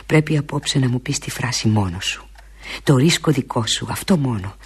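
A woman performing a theatrical monologue as a lovesick woman pleading with an absent lover, intimate and often slipping into breathy half-whispers. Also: rumbling low, expressive, full character voice. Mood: longing.

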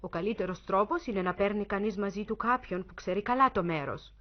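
A woman voicing a soft-spoken old fisherman who talks politely and ominously. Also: medium pitch, close to an everyday voice. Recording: muffled lo-fi recording.

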